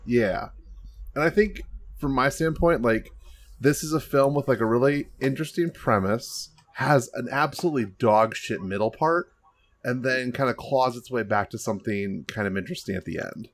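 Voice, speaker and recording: A man's voice: mid-range voice, moderate pace. A man hosting a casual film discussion podcast and steering the conversation.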